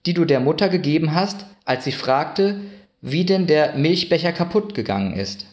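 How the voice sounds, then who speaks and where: A man voicing a gentle, patient young Christ child, speaking kindly in a soft questioning way. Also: a little high, expressive, moderate pace, pitched above the performer's own voice, lightly acted. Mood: tender. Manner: kind, softly questioning.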